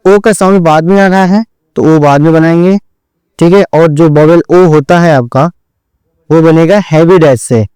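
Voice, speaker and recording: A man's voice: on the high side, fairly even intonation, normal speed, a little mellow, smooth, dry recording, poor audio. A man teaching an online shorthand lesson, explaining each step and repeating "theek hai" after every point as he addresses his students directly. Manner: drills points over and over.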